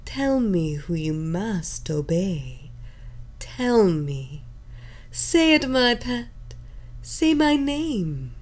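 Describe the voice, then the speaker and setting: A woman voicing a commanding, possessive female hypnotist, with a sultry, hypnotic voice and slow, drawn-out repeated commands. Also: medium pitch, big pitch swings, full character voice. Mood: coaxing. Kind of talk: hypnosis story reading.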